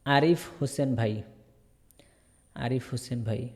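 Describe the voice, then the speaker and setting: A man's voice: medium pitch, slow, darkish tone. Patient male teacher drilling words, reverberant. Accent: Bangladeshi. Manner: repetitive drilling, asks and answers himself. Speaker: English teacher. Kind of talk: online spoken English class. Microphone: video call.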